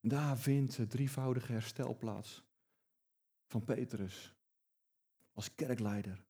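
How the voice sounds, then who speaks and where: A man's voice: mid-range voice, takes it slowly, mellow, husky. A man preaching a sermon, emphatic and often repeating words as he builds his points.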